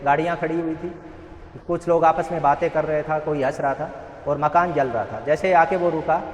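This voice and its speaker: A man's voice: a little high, steady tone, fairly quick, highs cut off, a little hiss or hum. A man giving an earnest motivational talk at a rehab center, telling a parable and asking rhetorical questions. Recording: echoey hall.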